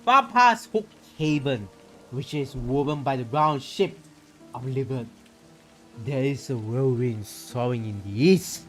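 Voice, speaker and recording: He hosts a relaxed game livestream, his mid-range voice expressive, fairly bright, and a little slow. Between dramatic readings of the story text he makes informal, mildly profane comments, and music plays behind him.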